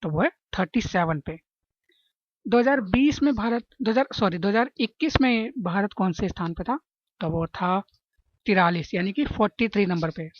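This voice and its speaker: A woman walks listeners through exam questions, building little memory tricks and checking in with them as she goes. Her voice sits at a middle pitch. The recording is dry and slightly muffled, as from a small room. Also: lively intonation, normal speed, dry recording. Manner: chatty, keeps asking "है ना?" to check understanding. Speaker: exam-prep teacher.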